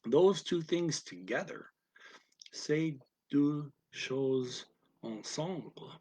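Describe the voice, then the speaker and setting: Very slow, husky male language teacher. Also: fairly high pitch, expressive, darkish tone, no echo, poor audio. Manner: deliberate, alternates each English phrase with its French version. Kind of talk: phrase-by-phrase translation lesson.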